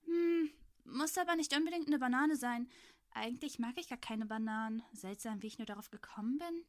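A woman voicing a small, cheerful, chatty boyish young man in a storybook reading, bubbly and excitable. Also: fairly high pitch, brisk, lightly acted.

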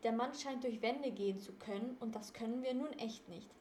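A woman's voice: a little high, moderate pace, a little mellow, a little hiss or hum, lightly acted. A woman reading the part of a nervous, easily frightened teenage boy who complains a lot. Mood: grumbling. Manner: agitated, complaining. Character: jumpy frightened teen boy detective. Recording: roomy echo.

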